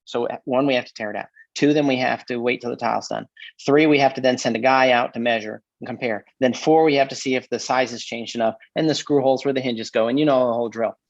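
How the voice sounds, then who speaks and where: A man who runs a shower door business, talking casually on a livestream panel and telling animated stories about customers. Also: fast, no echo, highs cut off. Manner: animated storyteller, mimics customers in a high voice. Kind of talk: casual shop talk.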